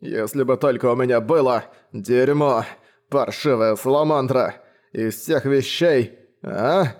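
A man's voice: mid-range voice, unhurried, a little mellow, close to an everyday voice. A man voicing a plump, cowardly aristocrat baron in an audiobook, wailing and full of self-pity. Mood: grumbling. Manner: wailing, self-pitying cries of pain. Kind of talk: audiobook reading.

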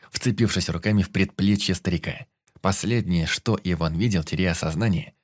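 A man narrating a story in a steady storytelling manner. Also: sits low. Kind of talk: audiobook narration.

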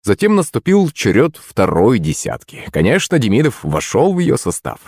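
A man's voice: mid-range voice, wildly swooping pitch, moderate pace, a little mellow, no room sound, clean studio sound. A man narrating a fantasy novel audiobook in a wry, storytelling manner.

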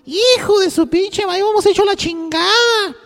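A woman speaking at normal speed in an extremely high pitch spins a rude, foul-mouthed funny story on air. She has a Mexican accent, wanders through the tale, and leans heavily on slang, all in a reverberant studio with faint background music.

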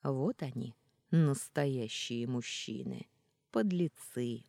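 A young woman reading a first-person audiobook story with an emotional, expressive delivery into a close mic. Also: extremely low pitch, takes it slowly, gravelly, dry recording. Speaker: audiobook narrator.

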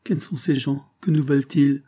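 A man's voice: medium pitch, steady tone, moderate pace, mellow, husky, pitched above the performer's own voice, natural voice. A man voicing a confused, frightened old woman who whimpers anxiously, in a storybook reading.

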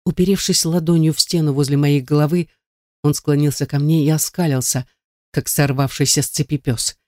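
A narrator reading a first-person novel in a steady, even way. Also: medium pitch, fairly quick, no room sound, clean studio sound. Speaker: audiobook narrator.

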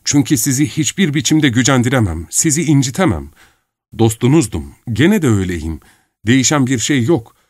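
A man's voice: medium pitch, very animated, normal speed, breathy edge, no room sound, clean studio sound, voice pushed up. A man reading a novel aloud, giving heartfelt, earnest lines to a lovesick young man. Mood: confessing.

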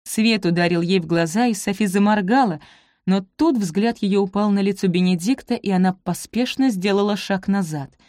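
Female audiobook narrator, mid-pitched, expressive, dry close sound. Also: moderate pace, no echo. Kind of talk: scripted romance novel narration.

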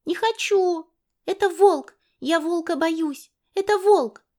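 A woman's voice: sits high, big pitch swings, unhurried, a little mellow, pitched above the performer's own voice, exaggerated voice. A whiny tearful little girl. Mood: wailing. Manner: whiny, sniffling.

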